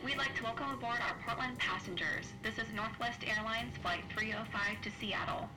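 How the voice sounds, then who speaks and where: A woman's voice: a little high, fairly quick, music in the background, natural voice, rough recording. A woman playing a polite flight attendant giving a formal, scripted cabin announcement. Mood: polite, routine.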